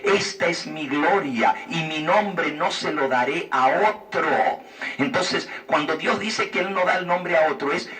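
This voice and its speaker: A man's voice: fairly high pitch, a little slow, fairly bright tone, recorded from a distance, soft background music. A man teaching the Bible, answering a viewer's question in an earnest, persuasive way and asking rhetorical questions. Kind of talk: explanatory religious talk.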